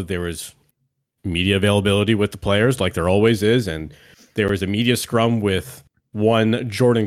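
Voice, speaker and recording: A man from Canada co-hosting a sports podcast in casual chat, also reading ad spots. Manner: conversational, reads ads in an upbeat pitch voice. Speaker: podcast co-host.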